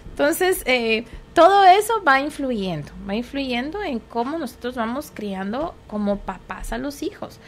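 A woman's voice: high-pitched, sing-song, measured pace, few pauses, slight background noise. Patient woman psychologist explaining in a conversation. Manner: explains patiently, often asking for agreement. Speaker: psychologist guest.

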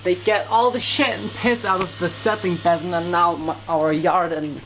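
Faint music plays behind a young woman whose fairly low voice keeps an even intonation at a moderate pace. In her small kitchen she makes lunch and chats to her pet bird for a casual cooking vlog, captured with noisy audio from a handheld camera.

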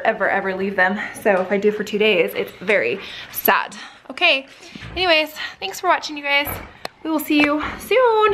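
Woman vlogger, high voice, chatty and gushing, echoey home room. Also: a bit bright, slight background noise. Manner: chatty, gushing, coos at the kids. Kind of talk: casual vlog chat.

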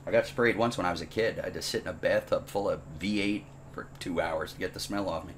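Fast-talking and deep-voiced, a programming instructor kicks off class from his dining room table at home with a casual, funny story. He hams it up, animated and self-deprecating, over a bit of background noise.

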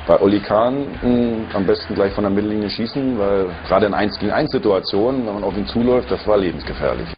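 A man's voice: lowish voice, fast, few pauses, noisy background. A man, a former footballer, telling anecdotes casually in an interview. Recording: dull broadcast audio, music behind. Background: music.

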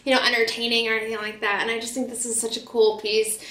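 A woman's voice: fairly high pitch, flat delivery, quick pace, bright, forceful tone, reverberant. Chatty woman getting over a cold. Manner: chatty, lots of fillers. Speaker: vlogger. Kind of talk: casual haul vlog. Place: home studio.

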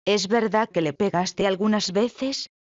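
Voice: mid-range voice, unhurried, no room sound, natural voice. A reader doing a bitter, prying young sister. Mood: pointed. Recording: dull, lo-fi, dry.

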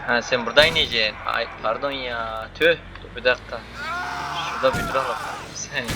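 A young man giving loud, joking commentary while playing a game, swearing and shouting at the characters on screen. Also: medium pitch, brisk, noisy background. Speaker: gaming YouTuber. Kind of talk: casual gameplay commentary.

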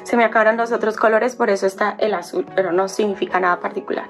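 A woman's voice: mid-range voice, steady tone, soft background music. Woman patiently spelling out syllables. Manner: patient, spelling out sounds slowly. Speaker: language teacher. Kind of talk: explaining on a whiteboard.

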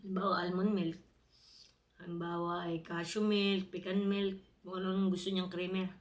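A woman's voice: fairly low pitch, level tone, a little fast. A woman vlogging casually to her followers from her home kitchen, chatting and rambling while chewing food. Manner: chatty, rambling, addresses viewers directly.

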